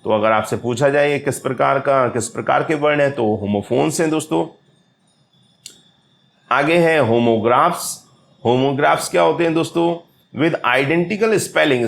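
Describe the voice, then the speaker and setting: Gravelly man teaching literary terms. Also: medium pitch, lively intonation. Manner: addresses viewers as friends repeatedly, reads English definitions slowly. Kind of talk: explaining literary terms to exam students.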